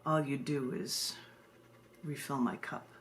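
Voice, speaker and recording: An American woman from the United States hosts a live online poetry reading, sharing poems and casual asides with her viewers. Her voice is very deep, with a steady tone and a slow pace. The live video stream is noisy.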